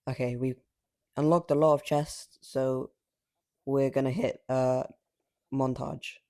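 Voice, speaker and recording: Late at night, a man rambles casually over his mobile gameplay, cocky and full of trash talk, his voice slightly raspy from the hour. It sits mid-range with a dark tone, and he speaks slowly in a flat delivery.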